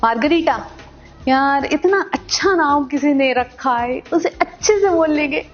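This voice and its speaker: A woman's voice: high voice, lively intonation, measured pace, muffled recording, faint music behind. An Indian woman teaching pronunciation in a playful, chatty way, spelling words out letter by letter. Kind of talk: casual teaching lesson.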